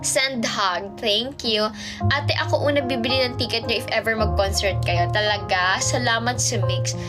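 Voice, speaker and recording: High-voiced young woman chatting on a livestream. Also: moderate pace. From Philippines. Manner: reads viewer comments aloud and answers them playfully, mixing English and Filipino. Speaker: idol livestreamer reading fan comments. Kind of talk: casual livestream chat. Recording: livestream with background music. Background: music playing in the background.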